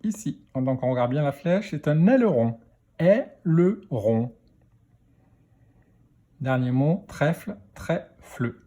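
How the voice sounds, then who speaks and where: A man teaching a children's reading lesson, slowly sounding out letters and syllables one by one. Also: on the high side, lively intonation, warm tone. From France. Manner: slow, spelling out sounds letter by letter.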